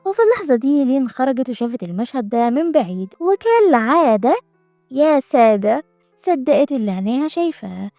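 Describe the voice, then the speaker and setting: A woman with an Egyptian Arabic accent narrating a drama recap in a lively, gossipy storytelling manner. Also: sits high, no echo.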